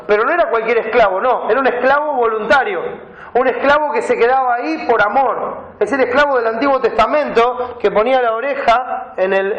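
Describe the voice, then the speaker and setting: A man's voice: very high-pitched, echoey room, muffled recording. A man preaching a sermon as pastor, reading scripture aloud and explaining the meaning of Greek words. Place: church.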